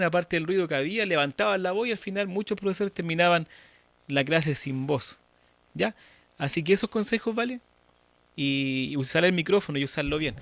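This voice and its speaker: A man's voice: fairly high pitch, vocal fry, dry recording. A Chilean man teaching an online church class. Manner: lively, demonstrative, talks directly to students. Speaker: church course instructor and moderator.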